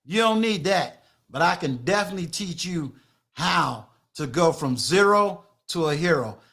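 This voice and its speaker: A man's voice: a little high, lively intonation, moderate pace, fairly bright tone. A man in his fifties hosting a live stream, talking to his viewers in a preachy, emphatic, repetitive way. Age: 50s. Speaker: channel host. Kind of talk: live-stream motivational talk.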